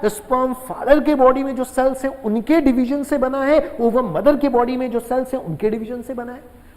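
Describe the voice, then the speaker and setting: A male teacher giving a classroom lecture, often addressing the class as children and repeating key phrases slowly for students to write down. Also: very high-pitched, a little mellow, in a large hall, low-quality recording. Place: room with a writing board.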